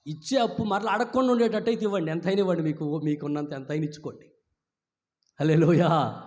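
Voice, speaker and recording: Male pastor, sermon, high voice, emphatic preaching, long church-hall reverb. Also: fast talker, a little mellow. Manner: emphatic preaching, voice swinging from low asides to high ringing declarations. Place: church hall during a live service.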